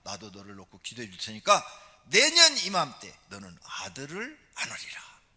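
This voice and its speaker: A man's voice: mid-range voice, huge pitch swings, normal speed, sharp tone, slightly rough, full character voice. A man preaching who voices a stern old priest who barks a rebuke and then gives fatherly comfort. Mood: reassuring. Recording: long reverb of a church hall.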